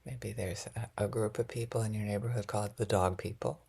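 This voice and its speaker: A woman teaching a loving-kindness meditation in a soft, often half-whispered, gentle and reflective way, with light laughs at herself. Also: extremely low pitch, steady tone, fairly quick, gravelly, breathy edge.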